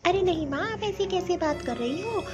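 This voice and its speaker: A woman's voice: very high voice, animated, moderate pace, over loud music. A woman voicing a cheerful young newlywed bride who speaks earnestly about her new in-laws. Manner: earnest, emphatic.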